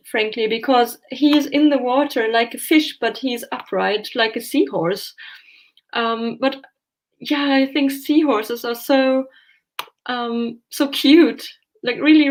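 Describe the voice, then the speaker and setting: A woman hosting a tarot live stream, soft-spoken and casual, with a lot of hesitant fillers. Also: fairly high pitch, poor audio. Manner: soft-spoken, lots of fillers, reads aloud from search results. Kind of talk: casual chat.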